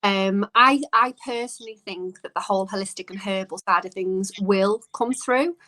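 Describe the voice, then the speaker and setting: A woman with a medium-pitched voice speaks as a guest in a casual interview. She explains herself reflectively and conversationally, working through her thoughts as she goes. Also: normal speed, bright, forceful tone, poor audio. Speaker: interview guest, small business owner.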